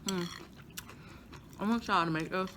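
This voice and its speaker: A woman's voice: mid-range voice, unhurried, background noise. A woman hosts a casual cooking vlog, chatting and laughing at herself while tasting her food. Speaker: cooking channel host.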